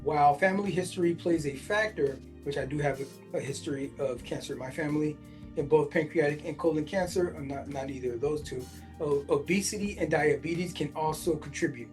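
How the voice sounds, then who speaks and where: A man's voice: a little high, brisk, darkish tone, faint music behind. A man in his forties hosting a podcast, reading a news article aloud and stopping often to react in casual asides full of fillers. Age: 40s. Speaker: podcast host.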